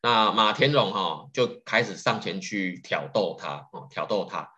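A man's voice: low-pitched, bright, forceful tone, lo-fi sound. Chatty man. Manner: chatty, loads sentences with drawn-out particles. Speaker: podcast host. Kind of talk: retelling a folktale.

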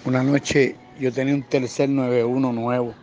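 A Puerto Rican man spins casual, slangy stories from his security guard days, jumping into the voices of the people he quotes. His voice sits at an ordinary middle pitch. The recording is dull and lo-fi, with a faint hiss underneath. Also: little pitch movement, normal speed, darkish tone. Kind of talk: casual storytelling.

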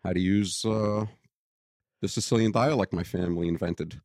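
A man's voice: sits low, normal speed, a little mellow, dry recording, studio quality. A middle-aged or older man from Brooklyn with a Brooklyn accent, chatting casually and bantering as a podcast guest. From Brooklyn, New York. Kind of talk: casual chat.

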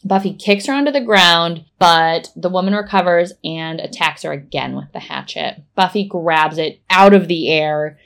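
A woman co-hosting a podcast, retelling a TV episode scene by scene in a casual, animated way. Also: lowish voice, moderate pace, creaky, hardly any pauses. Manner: animated play-by-play storytelling. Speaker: podcast co-host. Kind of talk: casual episode recap chat.

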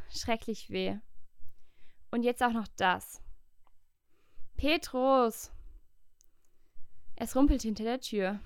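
A woman's voice: mid-range voice, clean tone, no room sound, studio quality. A woman narrating a dramatic story in the first person, earnest and emotional.

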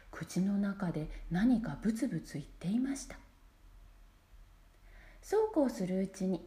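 Storybook narrator: a woman with a high, animated, mellow voice, gentle measured reading, echoey room. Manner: gentle, measured reading with dropping whispered phrase ends. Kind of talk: scripted fairy-tale narration.

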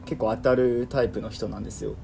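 Guy telling a creepy true story casually, talks fast, bit of fry, polite and halting, music faint behind. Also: on the low side, little pitch movement, warm tone. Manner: halting, pieced-together telling with polite speech. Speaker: guest telling a family story.

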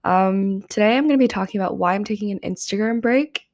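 Her voice slightly strained from karaoke, a young adult woman talks fast in a mid-range, somewhat mellow voice on her own podcast. The solo monologue is casual and peppered with ums.

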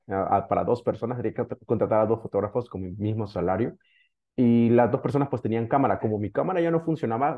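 A man, a guest telling his story candidly, rambling with filler pauses. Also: on the low side, lo-fi sound. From El Salvador. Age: 30s. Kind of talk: casual interview storytelling.

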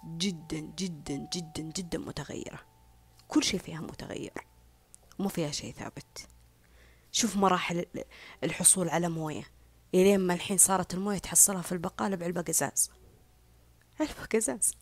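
A woman's voice: fairly low pitch, no room sound. Opinionated woman with a dry close sound. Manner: opinionated, sarcastic asides, drops to a whisper at times. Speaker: social media commentator. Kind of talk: casual monologue.

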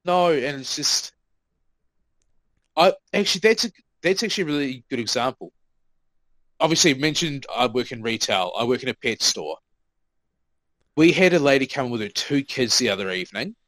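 A man's voice: mid-range voice, lively intonation, normal speed, long pauses, a bit bright, no room sound, rough recording. A man co-hosting a podcast, telling work stories in casual chat, swearing freely and acting out what people said. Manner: swears freely, acts out quoted remarks. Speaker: podcast co-host.

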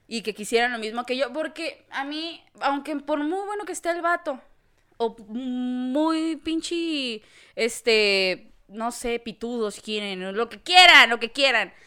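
Young Mexican woman, co-host, bright high voice, blunt and crude, casual chat. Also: clear, resonant tone. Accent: Mexican Spanish. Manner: frank, crude, bursts into loud laughter. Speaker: podcast co-host.

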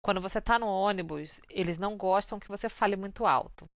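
A woman from Brazil chatting casually and telling lively stories, acting out what people said. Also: mid-range voice, fairly quick, no echo, clean studio sound. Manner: lively storyteller, acts out quoted lines. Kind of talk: casual chat.

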